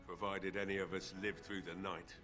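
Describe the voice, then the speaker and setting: A man's voice: low-pitched, little pitch movement, normal speed, music in the background, lightly acted. An actor playing a grieving, stubborn old male blacksmith who drinks, in a fantasy game, talking in a bitter, despairing, pleading way. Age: older.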